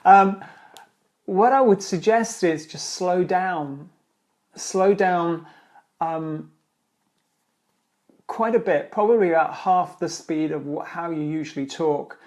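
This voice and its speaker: Chatty male host with a higher voice. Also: slow pace, pauses often, a little mellow. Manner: chatty, rambling, with many fillers and restarts. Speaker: speaking coach and trainer. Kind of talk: live-streamed Q&A monologue.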